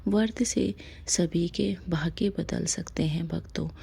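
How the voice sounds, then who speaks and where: Female devotional host, low gravelly voice, unhurried soft-spoken instruction with whispered line endings. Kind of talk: devotional instruction on a fasting ritual.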